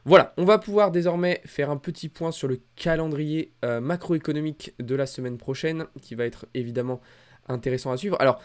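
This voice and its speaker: A man's voice: a little high, fairly quick. A man hosting a markets recap, speaking in a casual, conversational and hesitant way with repetitions. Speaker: host of a weekly markets recap. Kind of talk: casual financial market commentary.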